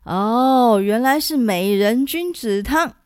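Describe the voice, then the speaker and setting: A jovial old beggar with a big appetite, hearty and boisterous in a storybook reading, as a woman puts him on. The voice sits a little high and loud, with a slow, unhurried delivery. The sound is close and dry. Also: animated, clear, resonant tone, dry recording.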